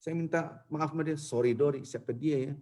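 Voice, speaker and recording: A man preaching to a mosque congregation, driving points home with repeated words and dropping to a hushed pleading voice when acting out prayers. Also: fairly high pitch, steady tone, brisk. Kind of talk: Islamic sermon to a congregation.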